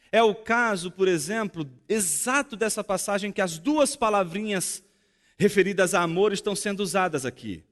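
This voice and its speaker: A man with a Brazilian Portuguese accent preaching a sermon in a church, swinging dramatically between loud emphasis and hushed tones. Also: high-pitched. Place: church sanctuary. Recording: echoey church hall.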